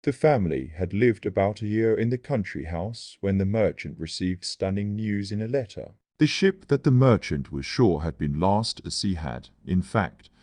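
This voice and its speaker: A man narrates in the classic manner of a fairy tale opening, as a storybook read-aloud. His voice sits low and is recorded close and dry. The delivery is measured and clearly enunciated. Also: animated, warm tone, dry recording.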